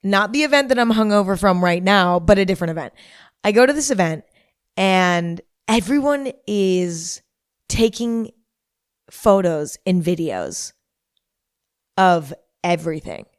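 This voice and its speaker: A woman's voice: medium pitch, expressive, unhurried, clear, resonant tone, no room sound, clean studio sound. A hungover young adult woman hosting a podcast as a casual, rambling monologue, repeating herself for emphasis. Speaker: podcast host.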